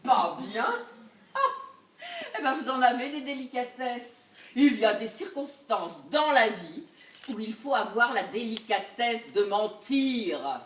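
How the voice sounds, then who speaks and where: An actress playing a fiery vengeful jilted wife. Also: female voice, very animated, slow pace. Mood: scheming. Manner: laughing, swinging between loud outbursts and low asides. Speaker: stage actress. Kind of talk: live stage comedy acting. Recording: echoey stage recorded from far off.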